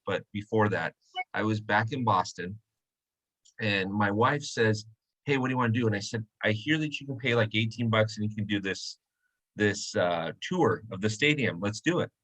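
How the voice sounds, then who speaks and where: A man's voice: lowish voice, a bit bright, rough recording. A man hosting a casual interview, telling a long story and acting out quoted lines. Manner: chatty storyteller, acts out quotes. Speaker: host. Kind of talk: casual video chat interview.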